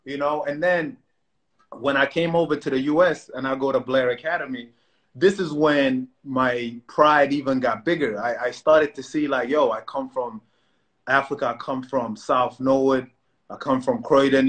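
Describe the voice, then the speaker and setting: A middle-aged South Sudanese man, a co-host, tells his story in a casual phone video call from a room at home, restarting often and saying "you know" a lot. His mid-range voice is steady and a bit bright, at a moderate pace.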